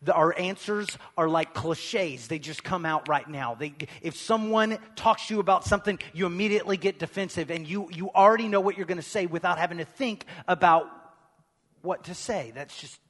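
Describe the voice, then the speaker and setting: A man with a high voice preaching a sermon in a big hall whose long reverb trails after every line. He drives home his points with repeated rhetorical questions, rising loud, then dropping low and quiet. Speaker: pastor.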